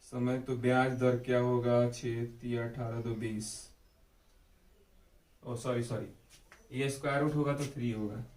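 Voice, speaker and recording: A man's voice: mid-range voice, level tone, a little slow, long pauses, darkish tone, recorded from a distance. Echoey, off-mic male math teacher. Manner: patient, repeats key steps with frequent "ठीक है" check-ins. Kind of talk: explaining exam math problems step by step.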